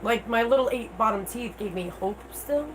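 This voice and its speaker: A woman's voice: on the high side, moderate pace, background noise. A middle-aged woman with toothless-sounding speech, chatting candidly and informally as she hosts a casual livestream and replies to viewers. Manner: candid, informal, mild swearing. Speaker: livestream host.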